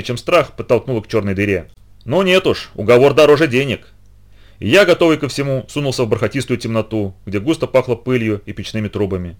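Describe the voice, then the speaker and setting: Expressive male reader for a first-person children's story, lively and varied in pitch. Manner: expressive, dramatic.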